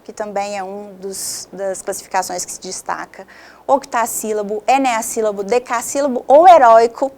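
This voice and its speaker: A woman's voice: medium pitch, darkish tone. A woman teacher with a Brazilian Portuguese accent, giving an online video lesson and explaining patiently step by step, often checking in with the listener.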